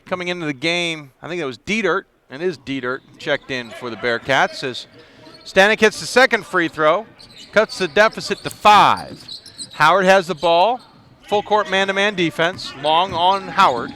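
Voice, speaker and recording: Play-by-play man calling basketball courtside, bright, high voice, headset mic, laughs easily. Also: slight background noise. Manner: quick to laugh, chatty between plays. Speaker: play-by-play commentator. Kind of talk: live basketball commentary. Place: arena broadcast position.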